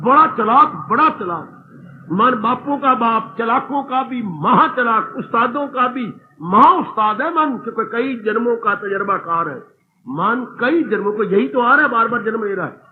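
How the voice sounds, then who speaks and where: Guru guy telling stories in a sermon, high voice, dull old tape with some hiss. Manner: animated storytelling with acted quotes and frequent laughter. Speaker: spiritual teacher. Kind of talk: devotional discourse.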